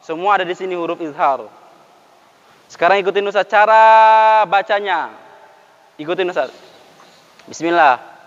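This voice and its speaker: A man with an Indonesian accent teaching Quran recitation to a class, drilling letter sounds slowly and urging the students to repeat after him. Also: high voice, in a large hall, muffled recording. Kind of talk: classroom tajwid lesson with call-and-response drills.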